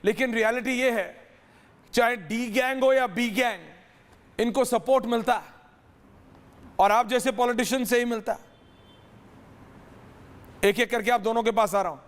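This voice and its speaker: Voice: medium pitch, unhurried, pauses often. A debate anchor moderating a heated news panel and cutting in on speakers, heard with a long, cave-like echo. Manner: assertive, cuts in on panelists. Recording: long hall-like reverb.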